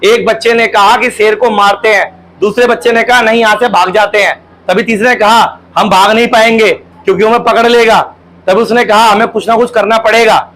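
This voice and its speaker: A male teacher with a Hindi accent, giving a classroom grammar lesson and dictating sentences slowly with repetition. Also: high voice, fairly even intonation, a bit bright, a little hiss or hum, poor audio. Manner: slow, drawn-out dictation with repetition.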